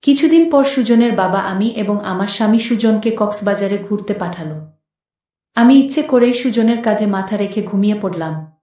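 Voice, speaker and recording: A woman tells a first-person story to her listeners in a plain, conversational way. Her pitch is mid-range. The recording has heavy room echo. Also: moderate pace, warm tone, distant mic. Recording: very echoey room.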